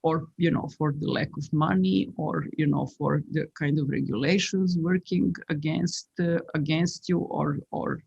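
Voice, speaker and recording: A woman's voice: sits low, fairly even intonation, unhurried, gravelly, few pauses, a little mellow, husky. A woman, an architect speaking hesitantly on a video call, with many fillers and restarts. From Serbia. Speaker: architect guest. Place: small room indoors. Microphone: laptop on video call. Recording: muffled video call audio.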